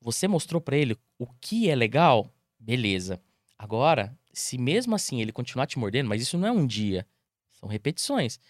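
Fast-talking Brazilian man, animated. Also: medium pitch, dry recording, clean studio sound. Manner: animated, acts out owners and dogs in quick voices. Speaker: dog trainer, guest. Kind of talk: casual interview talk.

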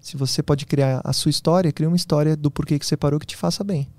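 Fast-talking man with a gravelly voice. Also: on the high side, no room sound. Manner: fast, animated storytelling. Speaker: podcast guest. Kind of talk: casual interview storytelling.

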